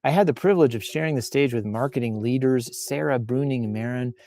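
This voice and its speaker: A man with a warm, mid-range voice hosts at a brisk clip, reading social media posts aloud in a loose, improvised comic style. He plays with the material and keeps wandering off into asides.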